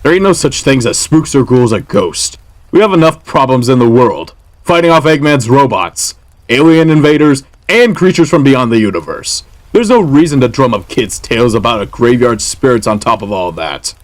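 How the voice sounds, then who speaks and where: A man's voice: mid-range voice, expressive, moderate pace, lightly acted. A man voicing a proud, hot-headed cartoon echidna brawler with blustering, scornful tough-guy talk in an audio drama. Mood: grumpy, dismissive. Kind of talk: animated audio drama acting.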